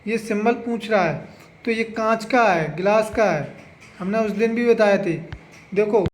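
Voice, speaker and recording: High-voiced man drilling exam answers. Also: unhurried. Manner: drills answers, repeats "है ना?" and urges memorizing. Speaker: exam-prep teacher. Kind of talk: exam revision lesson.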